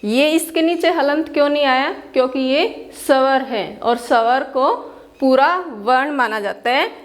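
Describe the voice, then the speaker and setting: Lady teacher, highish voice, explains slow and patient, drops english words in. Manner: explains patiently, asks questions and answers them herself; mixes English words into Hindi. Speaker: school teacher. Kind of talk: classroom lesson.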